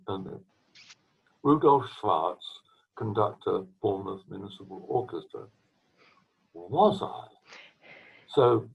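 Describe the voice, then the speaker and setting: Older man, husky and breathy, rambling storyteller; tinny video-call sound. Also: on the low side. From England. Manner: rambling, halting anecdotes with restarts and throat-clearing. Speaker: retired trombonist, interviewee. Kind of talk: storytelling interview. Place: at home.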